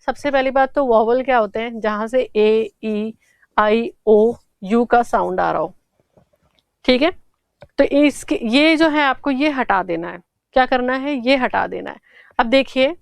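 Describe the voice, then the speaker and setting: Clear-voiced woman teaching step by step. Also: fairly high pitch, no echo. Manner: explains step by step, asks and answers her own questions. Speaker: English teacher. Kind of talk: online exam-prep grammar lesson.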